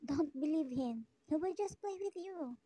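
A woman's voice: high-pitched, lively intonation, normal speed, mellow, dry recording, voice pushed up. A woman voicing a short-tempered young mafia man who nags and scolds, in a fan fiction voiceover. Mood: scolding.

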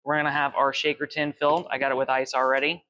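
A man's voice: mid-range voice, flat delivery, fast talker, noisy background. A young man in his twenties working as a bartender, walking through cocktail recipes step by step at an indoor bar. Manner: friendly step-by-step instructions while mixing. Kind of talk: cocktail demonstration. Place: indoor bar with shelves of bottles.

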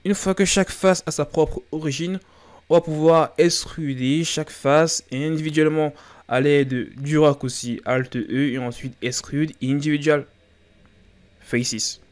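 A man's voice: on the high side, steady tone, a little slow, clean tone. A man hosting a beginner 3D modelling tutorial, talking casually with fillers and self-deprecating jokes over a screen recording. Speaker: Blender tutorial host.

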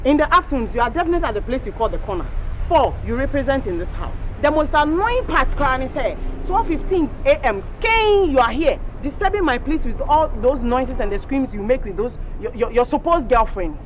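A woman's voice: high voice, sing-song, fairly quick, slight background noise, low-quality recording. A nagging Ghanaian landlady. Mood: scolding. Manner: nagging, lecturing. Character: scolding middle-aged landlady, fed up and bossy. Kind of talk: TV drama acting.

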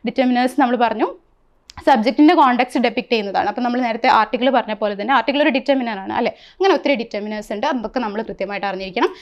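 A woman's voice: fairly high pitch, rapid-fire, dull audio. A woman teacher with a Malayali accent explaining an exam syllabus, often asking rhetorical questions as she goes.

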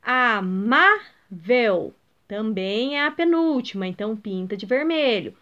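Lively Brazilian woman teaching children. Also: fairly high pitch, highs cut off. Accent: Brazilian Portuguese. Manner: patient, sounds out words slowly and emphatically; explains step by step, checks in with "ok?" and "entenderam?". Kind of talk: video lesson for schoolchildren.

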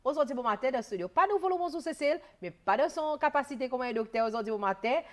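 A middle-aged woman hosting a television studio interview, asking questions in a halting way with frequent restarts, on a lapel mic. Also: high voice, lively intonation. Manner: halting, many restarts and fillers. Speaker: TV host. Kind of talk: studio interview, switching languages. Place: TV studio, indoors.

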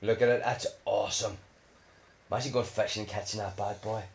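A man's voice: lowish voice, little pitch movement, fairly quick, creaky. Chatty, playful man. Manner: chatty and playful, cheering loudly. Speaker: parent co-hosting a game video. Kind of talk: casual chat.

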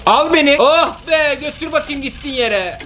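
A man's voice: very high voice, normal speed, sharp tone, slight background noise. A young father hosting a casual let's-play, reacting with dramatic exclamations and teasing. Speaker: father and gaming channel host. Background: background music.

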